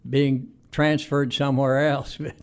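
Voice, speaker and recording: An Indiana man in his eighties reminisces as an interview guest, answering conversationally in a plain-spoken, hesitant way. His mid-range voice is smooth, with a level tone and a measured pace.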